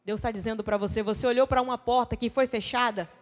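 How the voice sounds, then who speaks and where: A high-pitched woman with a Brazilian accent preaches a dramatic sermon, swinging between shouts and hushed tones. She acts out the quoted dialogue as she goes. Her voice rings with the long reverb of a church hall. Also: steady tone, fast. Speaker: pastor, missionary preacher.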